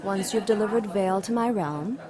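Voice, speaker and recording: An actress playing Lilith, an ancient and cruel female demon, in an audio drama, speaking haughtily with slow mockery. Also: medium pitch, crowd noise, close to an everyday voice. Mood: commanding.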